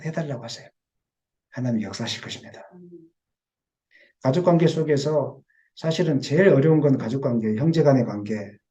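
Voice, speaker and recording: A man's voice: medium pitch, warm tone, lo-fi sound. A male pastor preaching a sermon in a church sanctuary and speaking directly and emphatically to his congregation.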